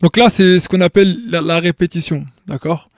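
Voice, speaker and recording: Man with a slightly high voice explaining. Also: fairly even intonation, fairly quick, no echo, clean studio sound. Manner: explains step by step, keeps checking with "d'accord?"; frequent restarts and repeated words. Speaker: tutorial maker. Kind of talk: informal tutorial explanation.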